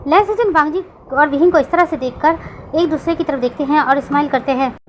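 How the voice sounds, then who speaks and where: Woman narrating a story in a high voice. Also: a little fast, a little hiss or hum, poor audio. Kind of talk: fan fiction read-aloud.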